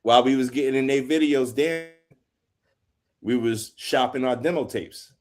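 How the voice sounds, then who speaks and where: A man's voice: mid-range voice, moderate pace. A man in his fifties, a guest producer telling stories in an easygoing, casual interview chat. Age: 50s.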